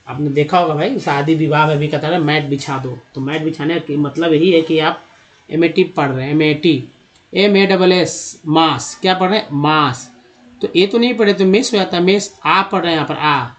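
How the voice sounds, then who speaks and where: A man with a slightly higher voice leads an English phonics lesson. He explains each spelling slowly and patiently, then poses a question to the viewers and answers it himself. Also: dull audio. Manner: explains step by step, asking and answering his own questions. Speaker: English teacher.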